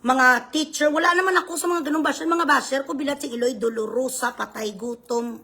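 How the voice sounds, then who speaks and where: Woman, high and sharp-edged, doing a furious, profane livestream rant with bursts of shouting. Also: brisk. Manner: profane, insulting tirade, at times shouting.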